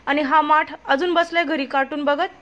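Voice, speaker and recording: A woman's voice: high-pitched, steady tone, moderate pace, a bit bright, voice pushed up. A tender loving young wife, read by a woman.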